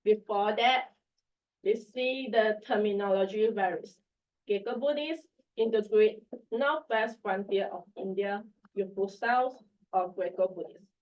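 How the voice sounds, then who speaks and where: A woman with a sick voice, clearing her throat, reading an academic paper in at a lecture-room symposium. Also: mid-range voice. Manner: reads a prepared paper, measured. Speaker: academic presenter. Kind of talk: conference paper presentation. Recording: distant, dull room mic.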